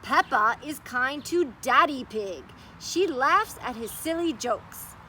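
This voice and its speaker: A woman with a high, expressive voice speaks slowly in a pushed, bright tone over slight background noise. She's hosting a children's story time, reading aloud and offering simple, encouraging explanations as part of a read-aloud and craft session.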